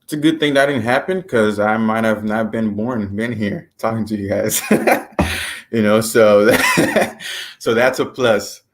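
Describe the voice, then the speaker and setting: A man in his twenties from Haiti, speaking as an interview guest. His voice sits fairly low, and he talks in a relaxed, easygoing way, chuckling now and then and filling pauses with plenty of ums. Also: slight background noise. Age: 20s. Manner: relaxed, chuckling, with many fillers. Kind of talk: casual interview.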